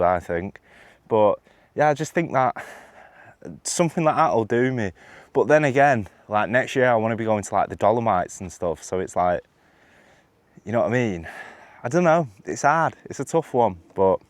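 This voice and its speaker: A man's voice: fairly low pitch, expressive, moderate pace, no echo. A young man talking casually to camera while hiking outdoors, chatty and self-deprecating with lots of fillers. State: out of breath. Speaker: vlogger. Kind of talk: rambling hiking vlog.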